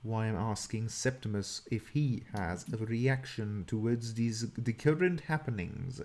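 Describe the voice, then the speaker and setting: A man's voice: lowish voice, unhurried, a little mellow. Man running a tabletop game, self-correcting. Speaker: game master. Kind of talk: improvised tabletop game narration.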